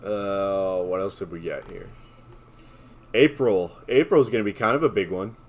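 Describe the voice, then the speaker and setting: Low-voiced young man chatting casually. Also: moderate pace. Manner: laughs often, rambling. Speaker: podcast co-host. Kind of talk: casual chat.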